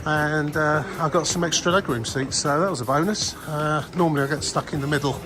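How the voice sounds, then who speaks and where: A man's voice: fairly high pitch, steady tone, a little fast, music in the background. A man giving casual, rambling travel vlog commentary in a chatty, hesitant way. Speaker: travel vlogger.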